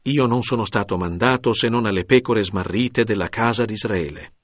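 A man reading the words of Jesus as a calm male teacher in a measured, solemn scripture reading. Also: fairly low pitch, dry recording, clean studio sound, close to an everyday voice.

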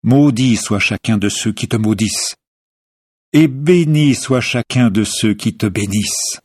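Give me a man reading as an elderly father, solemn and slow. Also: fairly low pitch, husky, dry recording, studio quality, voice pushed up. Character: elderly blind father blessing his son.

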